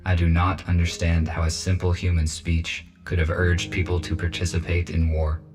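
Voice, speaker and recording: A man voicing an emotionless, logical male robot repairman in a video game, speaking with a flat robot voice. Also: sits low, normal speed, lightly acted. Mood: detached. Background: soft piano music.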